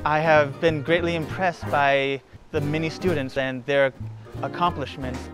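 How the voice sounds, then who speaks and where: A man's voice: on the high side, steady tone, measured pace. A young man from the Czech Republic, a student spotlight operator, speaks carefully in a documentary interview. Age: young adult. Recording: music bed under the voice.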